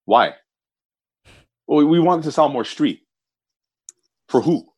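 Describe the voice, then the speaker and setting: A man's voice: on the high side, slow, husky, no echo. Impassioned man in a dry close recording. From Canada. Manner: animated, impassioned, acts out quoted people. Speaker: voice actor. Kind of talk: casual podcast discussion.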